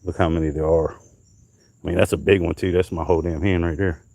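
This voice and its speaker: Outside in the summer heat at night, a middle-aged North Carolina livestreamer swears his way through a casual show-and-tell of his finds. The voice is low, creaky, a little mellow and a little fast, with fairly even intonation on a dry recording.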